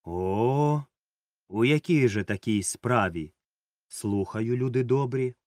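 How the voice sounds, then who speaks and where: A man voicing a kindly old village grandfather who speaks calmly and reassuringly. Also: medium pitch, no room sound, clean studio sound, close to an everyday voice. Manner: calm, reassuring, unhurried.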